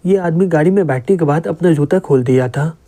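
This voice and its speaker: A blunt young man who drives for a living though he is rich, calm and firm when he gives orders, as a man reads him out. The voice sits a little high and sounds mellow. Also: a little fast, lightly acted.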